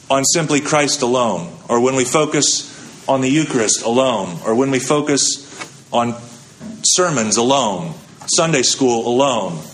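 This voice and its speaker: This pastor's sermon has a conversational feel, with questions put to the congregation that he answers himself. His medium-pitched voice is a bit bright, with a little hiss or hum in the recording.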